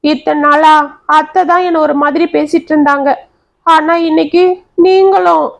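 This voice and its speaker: A woman's voice: high voice, normal speed, highs cut off. A woman voicing a hurt young wife who pleads with her husband through sobs. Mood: hurt, pleading.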